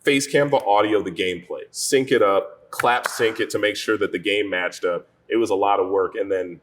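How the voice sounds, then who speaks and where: Lively storytelling man, slightly low voice. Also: normal speed. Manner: animated storytelling, slips into character voices. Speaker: voice actor and gaming content creator. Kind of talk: casual interview talk. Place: bar and lounge.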